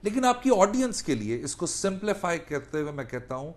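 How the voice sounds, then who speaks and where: Speaking briskly with wide swings in pitch, this man's voice sits fairly high. He has a Pakistani accent and lectures on law as a teacher and defence attorney, going over points again and weaving English legal terminology into his instructive explanations.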